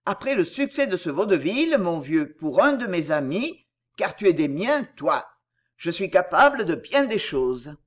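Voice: medium pitch, big pitch swings, a little slow. An audiobook reader voicing a cunning, persuasive male master criminal who speaks in a coaxing, confiding way.

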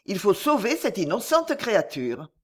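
A woman's voice: medium pitch, very animated, breathy edge. A woman reading a sly, sententious spy. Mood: commanding. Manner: measured, sententious delivery. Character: cunning older male spy, calm and sententious. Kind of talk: audiobook character reading.

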